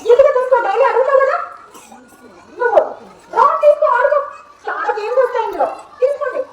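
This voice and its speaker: A woman teacher, speaking in a very high voice as she coaxes small children with question after question. She is caught from a distance in an echoey classroom, with a faint hiss behind her. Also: very animated, fast, highs cut off. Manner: coaxing, repetitive, questioning. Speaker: school teacher. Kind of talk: coaxing young children in a classroom demonstration. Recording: echoey room, mic far off, faint noise.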